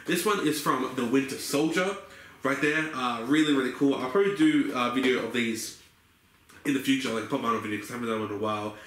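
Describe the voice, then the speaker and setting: A man's voice: medium pitch, fast talker. Young guy rambling casually. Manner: relaxed, rambling, many fillers. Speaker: vlogger. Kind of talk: casual haul video. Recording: echoey room with faint noise.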